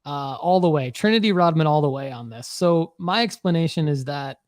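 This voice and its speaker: A man's voice: on the high side, a little fast, no echo, studio quality. A man hosting a casual panel chat, bantering bluntly and passing questions around to the others. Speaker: podcast host.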